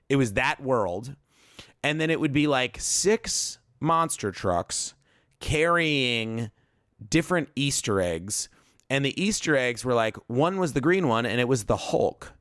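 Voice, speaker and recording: A man's voice: medium pitch, animated, unhurried, fairly bright tone, no echo. Guy on a podcast rambling through a long story, cuts himself off a lot, dry close mic. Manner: rambling storyteller, self-interrupting. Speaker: podcast co-host. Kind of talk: casual podcast chat.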